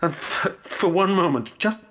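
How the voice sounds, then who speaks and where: A man's voice: high voice, expressive, unhurried, fairly bright tone, a little hiss or hum. An actor playing a sarcastic, grief-stricken alien grandfather in an audio drama, intense and brooding. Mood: bleak, brooding. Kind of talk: full-cast audio drama acting.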